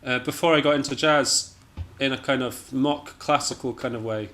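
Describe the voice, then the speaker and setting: The interview guest, a jazz pianist and musician from Scotland, keeps things casual, hesitant and low-key, often putting himself down. He has a mid-range, sharp voice with a steady tone and moderate pace.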